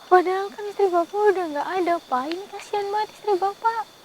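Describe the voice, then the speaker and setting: A high-voiced woman pleads gently and steadily in a soothing, persuasive tone, addressing someone with a polite title again and again. She speaks outdoors in a forest, with faint crickets and insects behind her. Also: fast talker, a little hiss or hum, rough recording. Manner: gently pleading, repeats "Pak" often. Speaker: paranormal investigator. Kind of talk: vlog.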